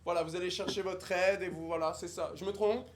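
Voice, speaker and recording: In improvised roleplay with strangers, this young video chat livestreamer plays a snobbish, haughty posh youth who ridicules people in affected formality. His high voice has fairly even intonation and a slightly fast pace, with a little hiss or hum.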